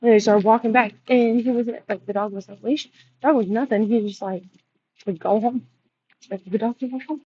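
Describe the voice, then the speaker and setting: A woman's voice: on the high side, brisk. Chatty young woman telling a story. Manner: chatty, animated retelling. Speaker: vlogger. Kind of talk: casual storytime. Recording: dull lo-fi with faint noise.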